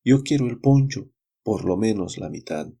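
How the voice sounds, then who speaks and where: A man's voice: on the low side, expressive, normal speed, creaky, dark tone, breathy edge, exaggerated voice. A man doing an insistent little boy. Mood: pleading. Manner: insistent, repeating himself. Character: small insistent boy grandson, pleading.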